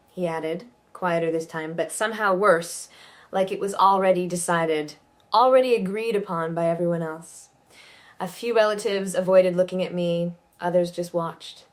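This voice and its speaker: Story narrator: woman, lower pitch, measured and subdued delivery. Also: steady tone. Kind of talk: first-person story narration.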